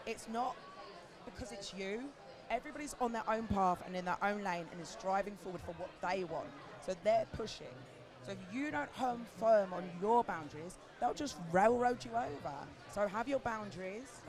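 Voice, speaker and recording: A British agency founder in her forties speaks candidly on an outdoor festival panel, animated and chatty and swearing casually. Her medium-pitched voice is hoarse, nearly lost from talking, and crowd noise fills this live recording.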